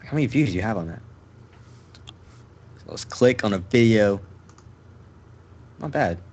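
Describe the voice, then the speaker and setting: A man's voice: on the low side, expressive, unhurried, a little mellow. A young man, a guest on a gaming stream, chatting in a joking, laid-back way. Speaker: guest YouTuber. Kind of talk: casual chat.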